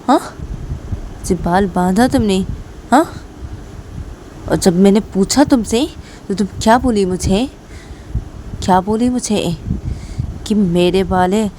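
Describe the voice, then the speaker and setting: A woman's voice: medium pitch, warm tone, slight background noise, lightly acted, poor audio. A woman doing a sulking jealous student. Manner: reproachful, repeats her complaints.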